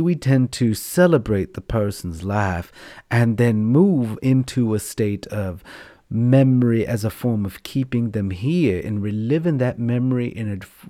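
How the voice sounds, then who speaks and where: A man with a campy, theatrical auntie-like manner and drawn-out words, talking casually and unscripted to his podcast listeners. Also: on the low side, dark tone, dry recording, studio quality. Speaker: podcast host and storyteller.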